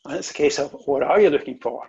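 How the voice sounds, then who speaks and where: A man's voice: a little high, fast talker, vocal fry, darkish tone, slightly rough, muffled recording. A man presenting an online interview-skills workshop, coaching in an emphatic way and often repeating words.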